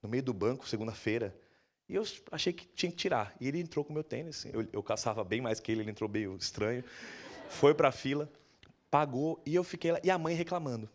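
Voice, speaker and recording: A male pastor with a Brazilian Portuguese accent and a mid-range voice preaches in a church at a fairly quick pace. His sermon is lively storytelling, and he acts out the people he quotes.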